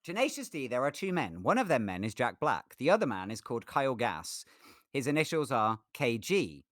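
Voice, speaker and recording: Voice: medium pitch, big pitch swings, a little fast, fairly bright tone, no echo, studio quality. A live streamer with a Scouse accent, chatting casually and reading chat messages aloud with jokes and laughter. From England.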